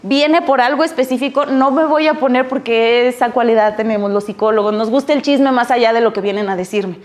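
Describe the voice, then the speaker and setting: A young adult woman psychologist with a Mexican Spanish accent, giving a lively addiction-prevention workshop to teachers and acting out quoted voices. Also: on the high side, fairly quick. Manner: animated, acts out quoted voices, frequent "ajá" and "ujú".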